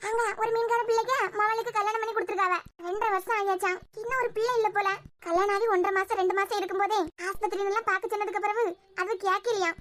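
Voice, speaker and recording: A woman's voice: very high voice, fairly bright tone, a little hiss or hum. A woman with a Kanyakumari Tamil accent voicing a worried, weepy grandmother in a cartoon web series. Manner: fretful, lamenting.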